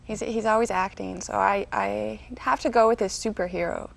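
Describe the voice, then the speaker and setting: A woman's voice: medium pitch, steady tone, moderate pace, creaky. A woman playfully giving casual, off-the-cuff answers as a game show contestant. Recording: loud background noise.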